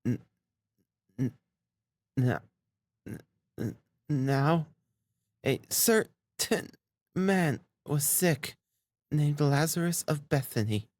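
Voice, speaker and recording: A man's voice: lowish voice, slow, pauses often, dry recording, clean studio sound. A man voicing a timid young woman who stammers and speaks breathlessly, raised well above his own voice. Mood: trembling.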